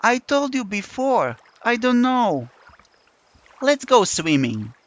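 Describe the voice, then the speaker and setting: A man's voice: extremely high pitch, big pitch swings, takes it slowly, dull audio, pitched above the performer's own voice, heavily acted. A man voicing a playful, mischievous catgirl with cat ears and a tail in an audiobook reading. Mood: teasing. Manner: teasing, sly. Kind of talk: audiobook character voice.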